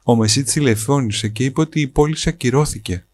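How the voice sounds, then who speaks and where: A man's voice: medium pitch, dry recording, pitched above the performer's own voice, natural voice. A man voicing a frightened young wife in a storybook reading, urgent in tone. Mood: alarmed.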